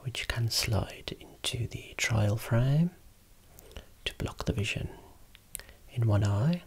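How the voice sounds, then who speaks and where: A voice whispering slowly and softly, showing eye-clinic equipment as an ASMR role-play optometrist. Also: mid-range voice, lively intonation, slightly rough. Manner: soft unvoiced whispering, explaining slowly.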